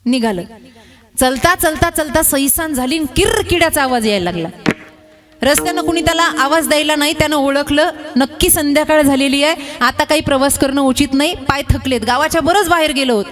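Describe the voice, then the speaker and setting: A woman preacher with a high, light voice leads a devotional sermon, telling a village folk tale in a folksy, lively manner. She drops humorous asides to the listeners as she goes. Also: brisk. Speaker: kirtan preacher.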